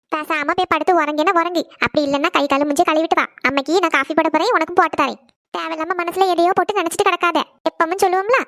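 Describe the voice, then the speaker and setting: A fussing, scolding cartoon mother, as a woman puts her on. She scolds quickly in a clear, high voice. The recording is dry and close. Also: fairly bright tone, no echo. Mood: coaxing. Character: scolding worried middle-aged village mother. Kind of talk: cartoon voice acting.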